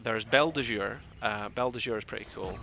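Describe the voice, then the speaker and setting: Speaking a little fast, this Scottish-accented man from the northeast Highlands streams and casts esports, giving live game commentary. He chats loosely and rambles, repeats phrases to stress them, and drops offhand remarks to his chat.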